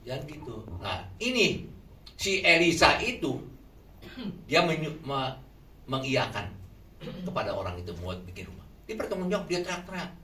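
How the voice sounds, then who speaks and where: A man preaching a sermon in a lively way, often putting questions to the congregation. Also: on the high side, moderate pace, long pauses. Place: shelter hall. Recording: echoey room from far off, faint noise.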